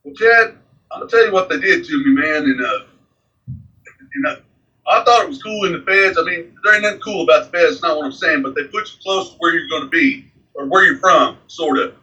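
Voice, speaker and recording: A man in his forties, appearing as a guest in a casual interview, rambles and leans heavily on fillers such as "man" and "you know". His voice is on the high side, brisk, bright and forceful. The distant mic makes for a low-quality recording.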